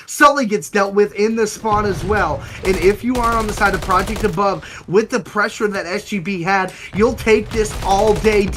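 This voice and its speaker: A young man casting an esports match, giving fast and excited play-by-play. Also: sits high, a little hiss or hum. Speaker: esports caster. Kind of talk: play-by-play commentary.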